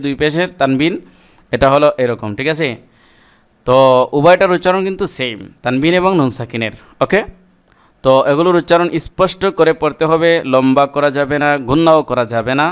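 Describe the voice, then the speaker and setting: A man teaching Quran reading with a Bangladeshi Bengali accent, spelling words out syllable by syllable and chanting verses in long drawn-out phrases. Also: on the high side, clear, resonant tone. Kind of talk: slow spelling-out lesson with chanted recitation.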